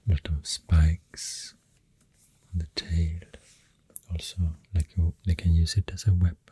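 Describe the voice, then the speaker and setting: An ASMR artist with a Swedish accent talks while drawing, using an extremely low, mellow voice that mostly slips into a breathy whisper. The delivery is slow, halting, and soothing, close to the microphone, with little pitch movement. Pencil writing and drawing sounds fill the background.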